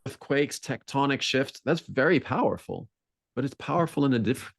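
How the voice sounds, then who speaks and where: A deep, creaky-voiced man appears as a podcast guest, animated at a moderate pace as he reflects, reaches for words and builds intensity on key points. The audio is studio quality with no room sound.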